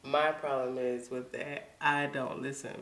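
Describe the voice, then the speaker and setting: A man's voice: medium pitch, level tone, unhurried, a bit bright, echoey room. Blunt, laid-back guy. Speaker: podcast co-host. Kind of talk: casual chat.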